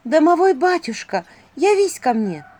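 A woman voicing a shy but earnest young maiden heroine, speaking up brightly. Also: sits high, lively intonation, moderate pace, slight background noise, pitched above the performer's own voice. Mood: calling out.

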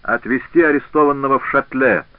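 A man's voice: mid-range voice, brisk, clean tone, no room sound, voice pushed up, close to an everyday voice. A man reading an audiobook voicing a stern, officious provost. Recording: tinny phone-like band, dry.

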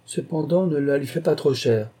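A man's voice: fairly high pitch, normal speed, mellow, pitched above the performer's own voice, natural voice. A man reading as a scheming, wheedling wife. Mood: sly. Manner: wheedling, mocking, calculating. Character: scheming sly wife writing a letter.

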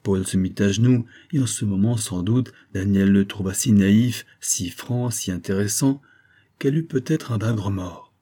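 A man narrating an audiobook novel in a steady storytelling delivery. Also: fairly low pitch, normal speed.

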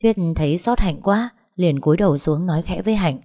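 A woman reading a family drama aloud as narrator, voicing every character herself in an even tone. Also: on the low side, brisk. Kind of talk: storytelling narration with acted dialogue.

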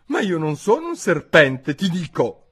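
A man's voice: on the high side, wildly swooping pitch, measured pace, a bit bright, husky, pitched above the performer's own voice, heavily acted. A man voicing Alice, a puzzled and indignant little girl, in a storybook reading. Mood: protesting. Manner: earnest, protesting.

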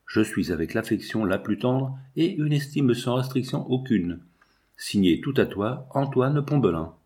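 A man's voice: medium pitch, expressive, a little slow. Affectionate letter writer, read by a man. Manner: warm, effusive letter reading. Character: affectionate older male friend writing a letter.

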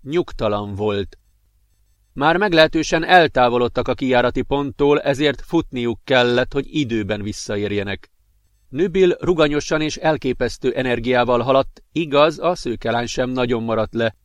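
A man narrating a science fiction audiobook in a calm, even manner. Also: mid-range voice, dry recording. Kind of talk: scripted narration.

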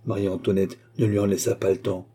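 A man reading a classic novel aloud as an audiobook narrator, in a measured, unhurried way. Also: fairly low pitch, flat delivery, dark tone, breathy edge.

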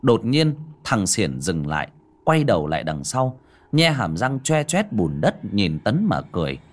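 Husky horror storyteller. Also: male voice, lowish voice, unhurried. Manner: dramatic, expressive reading. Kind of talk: scripted horror narration.

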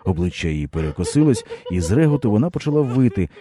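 Deep-voiced man reading a story. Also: fast talker, a crowd in the background. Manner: expressive, dramatic reading. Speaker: narrator. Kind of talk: literary audiobook reading.

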